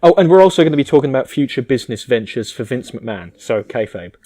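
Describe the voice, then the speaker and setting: A man's voice: mid-range voice, animated, quick pace, mellow. Casual bantering male podcast host. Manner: sweary, bantering. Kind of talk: casual comedic podcast chat.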